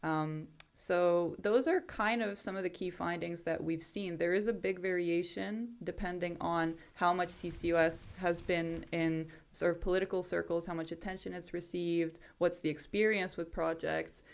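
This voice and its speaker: A woman guest researcher explaining findings in a measured, explanatory way, often adding "you know". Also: on the low side, steady tone, creaky.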